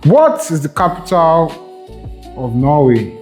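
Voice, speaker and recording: A man's voice: fairly high pitch, wildly swooping pitch, takes it slowly. A man hosting a casual quiz among friends, putting questions and calling out rules. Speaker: quiz host. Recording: echoey room with loud music.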